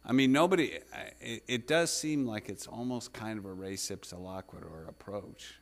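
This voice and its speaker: A male appellate judge with a deep voice questions a lawyer from the bench. His delivery is halting and probing, with a skeptical edge. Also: animated. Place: courtroom.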